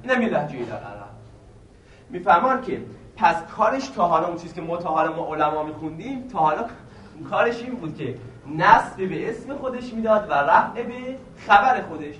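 A man teaches a seminary grammar lesson in a classroom, patiently repeating each point and asking the class questions that he then answers himself. His voice sits high, sing-song and fairly bright. The room is echoey, the mic distant, with faint noise.

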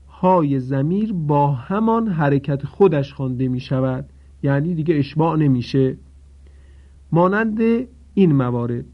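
Guy teaching recitation rules step by step, kinda high voice, keeps saying pay attention, muffled lo-fi audio. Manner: methodical, repeats points and asks for attention. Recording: dull lo-fi recording.

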